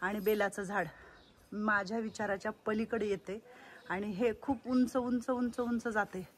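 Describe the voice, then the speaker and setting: A woman giving a casual walk-around vlog of an old age home she runs, chatting and loudly coaxing the residents. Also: medium pitch, steady tone, unhurried, a little hiss or hum.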